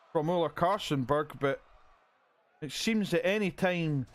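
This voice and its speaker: Man, wrestling game commentator, high voice, excitable, restarts sentences. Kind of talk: play-by-play video game commentary.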